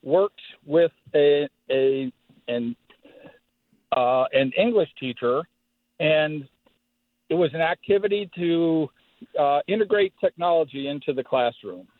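An older man on a tinny phone line, speaking very slowly and haltingly, full of pauses and filler words. His voice sits a bit high for a man, and the line is dry and narrow. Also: no echo. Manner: slow and halting, many fillers. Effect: heard over the phone. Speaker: call-in caller, retired teacher.

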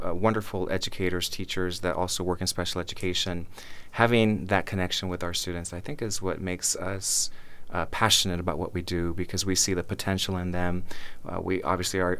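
A man speaking as an interviewed schools official, earnest and measured, often repeating words for emphasis. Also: deep voice, a bit bright, clean tone. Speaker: county schools superintendent being interviewed. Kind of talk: prepared interview answers.

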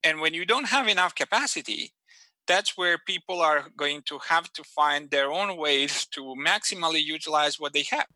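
A man's voice: a little high, moderate pace, pushed and bright, no room sound. A man speaking as an interviewed professor, explaining informally. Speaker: engineering professor, interviewed expert.

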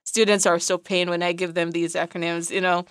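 A woman's voice: fairly low pitch, flat delivery, fairly quick, fairly bright tone, smooth, no echo, clean studio sound. A woman with a Jamaican accent giving a conversational educational lecture, explaining things and checking in with the listener as she goes. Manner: explanatory, checks in with "right?" and "you know".

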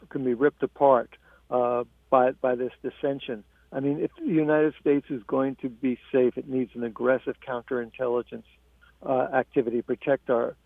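A man's gravelly voice comes through a tinny phone line, dry and close. He is an author answering interview questions, measured and halting, often restarting his sentences. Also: mid-range voice, no echo. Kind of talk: radio interview.

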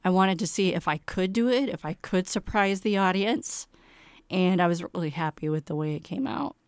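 A woman playwright talks about her writing in an interview, open and ready to poke fun at herself. Her voice is smooth and clean, sitting slightly low. The recording is close and dry, with no room sound. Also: normal speed, no echo. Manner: candid, self-deprecating, laughs easily. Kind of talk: interview conversation.

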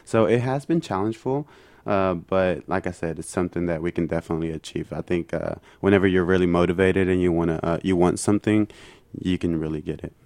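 A young man, a student guest speaking earnestly in an interview, halting often with fillers. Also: low-pitched, a little mellow, dry recording. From Mexico.

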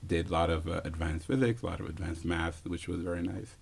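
A man in his thirties from Senegal, answering interview questions in an easygoing way, pausing with fillers and chuckling often. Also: low voice, steady tone, creaky, husky. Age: 30s. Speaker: interview guest, physicist.

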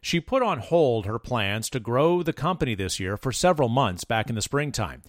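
A male radio reporter reads his scripted piece in a measured, steady delivery at an everyday pitch. His voice is close and dry. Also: no room sound. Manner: measured, even reading. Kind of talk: scripted news narration.

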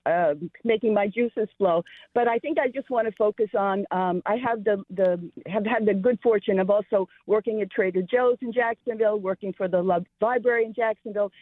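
A woman's voice: medium pitch, brisk, dry recording. A woman with a New York accent calls in to a talk show over a tinny phone line. She speaks earnestly and with emphasis, pressing her point, and the line is dry, with no room sound. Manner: earnest, emphatic, pleading for attention to an issue. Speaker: caller, realtor. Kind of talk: call-in radio talk. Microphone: telephone.

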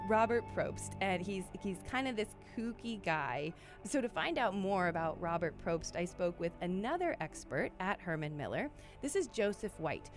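A woman hosting a podcast, narrating in a scripted yet casual, upbeat way with occasional fillers. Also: medium pitch. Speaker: podcast host.

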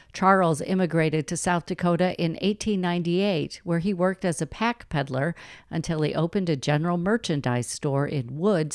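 An American woman reporter narrating a scripted radio news obituary in a measured, solemn manner. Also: sits low, a little mellow, dry recording, studio quality.

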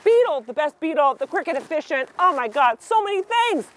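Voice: high voice, sing-song, fairly quick, fairly bright tone, rough recording. A drag queen reading to preschoolers in a sassy, campy, theatrical way, tossing exclamations and questions out to the listeners. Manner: theatrical, exclamatory, prompts the audience to call back. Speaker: storytime reader and performer for preschoolers. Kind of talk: animated children's read-aloud with audience questions.

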